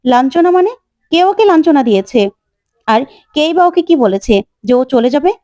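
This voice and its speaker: A hostile, sharp-tongued aunt in a serial recap, played by a woman narrator. Her scolding comes out high and close. The sound is dry. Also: expressive, normal speed, no room sound. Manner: scolding, bossy.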